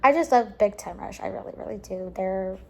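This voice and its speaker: A woman talks to her camera at home in a loose, rambling vlog, piling on "like" and "um" as she gushes. She sounds tired, and her voice sits at a plain middle pitch. Every so often she sinks into a soft near-whisper before picking up again. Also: fairly quick, vocal fry. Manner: gushing, many "like" and "um" fillers; soft, drops into quiet near-whispers at times. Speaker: vlogger. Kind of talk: casual recap vlog to camera.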